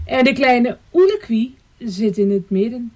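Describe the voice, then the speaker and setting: A woman reading a children's story aloud, expressive and sing-song. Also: on the high side. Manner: slow, lively and sing-song.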